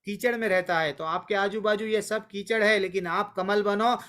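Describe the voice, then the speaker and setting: A man teaching a spiritual class on a video call, animated, often asking rhetorical questions and chanting. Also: sits high.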